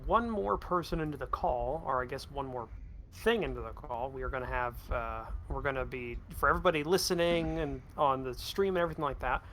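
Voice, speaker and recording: A man's voice: medium pitch, fairly quick, fairly bright tone, a little hiss or hum. A man as game master in a voice call, explaining things in a rambling, self-correcting way. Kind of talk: casual game chat. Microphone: voice call microphone.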